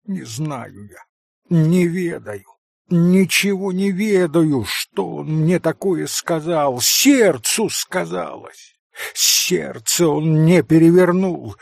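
A man's voice: on the high side, creaky, slightly rough, no echo, studio quality, voice pushed up, heavily acted. A man voicing a passionate, proud and volatile young woman, with fiery, wailing outbursts, in an audiobook. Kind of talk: audiobook character voice.

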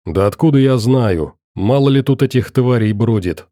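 A man voicing a rough one-eyed thug in an audiobook, gruff, rude and swearing. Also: mid-range voice, moderate pace, dark tone, dry recording, clean studio sound, natural voice. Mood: sullen.

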